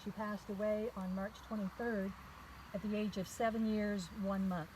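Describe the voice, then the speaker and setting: A woman guiding a walking tour outdoors, telling stories in a measured, deliberate way. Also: medium pitch, steady tone. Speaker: cemetery tour guide. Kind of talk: guided walking tour storytelling. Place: outdoors in a cemetery at night. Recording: outdoor recording with clear background noise, crickets.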